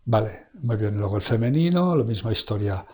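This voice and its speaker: Relaxed man teaching German. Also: lowish voice. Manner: relaxed, chatty, many fillers, reads German examples slowly. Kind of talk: casual online lesson, explaining grammar.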